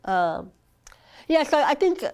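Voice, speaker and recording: A woman's voice: high voice, sing-song, takes it slowly, a little mellow. A young woman, a mother speaking earnestly in a podcast interview, full of "I mean" and "you know", recovering from an illness. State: recovering from illness, occasional cough. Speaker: guest, mother of a child with a rare condition.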